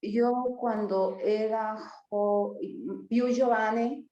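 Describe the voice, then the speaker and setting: Slow-spoken woman student on a roomy call. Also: a little high, flat delivery, warm tone. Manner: slow and tentative. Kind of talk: answering in an online language class. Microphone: computer mic on a video call. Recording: roomy, dull video call audio.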